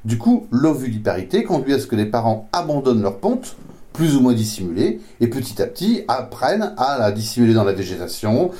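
A man's voice: medium pitch, big pitch swings, brisk, dark tone. A man giving an informal, didactic science explanation as a biology expert, often repeating words as he searches for the next. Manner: didactic, with frequent self-repetitions and searching for words.

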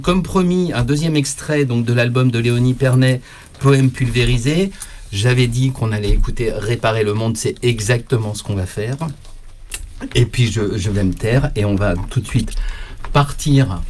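A man's voice: medium pitch, unhurried, a little mellow. A man hosting a radio show in a casual, conversational presenting style. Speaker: radio host. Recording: clear background noise, clicks.

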